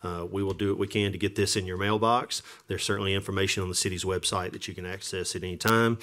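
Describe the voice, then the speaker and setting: A man chairing a council meeting as mayor in a measured, formal manner. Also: sits low, steady tone, a bit bright.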